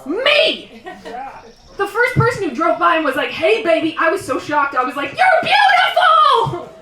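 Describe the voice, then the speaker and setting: A woman performing a live stand-up set, self-mocking and wry, now and then breaking into shouted bursts. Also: extremely high pitch, very animated, moderate pace, a crowd in the background. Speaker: stand-up comedian. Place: small live venue. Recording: roomy live sound from a distant mic.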